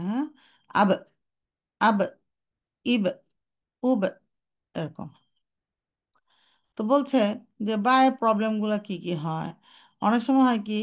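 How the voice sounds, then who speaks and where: A young adult woman with a medium-pitched voice teaches Quran recitation in an online lesson. She explains step by step, asks and answers her own questions, and mixes English terms into her speech.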